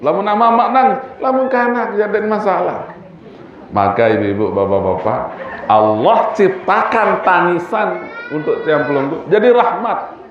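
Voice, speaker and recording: Lombok accent guy preaching, slow and easy, super echoey hall, mic kinda far off. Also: on the high side, highs cut off. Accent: Sasak-accented Indonesian from Lombok. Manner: chatty and joking, firing rhetorical questions at the congregation. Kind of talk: weekly religious study sermon.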